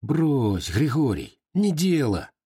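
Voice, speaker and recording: A man's voice: mid-range voice, very animated, takes it slowly, mellow, breathy edge, no echo, studio quality, pitched above the performer's own voice, exaggerated voice. A man voicing an earnest young Cossack who scolds his comrades, with a raised, reproachful delivery.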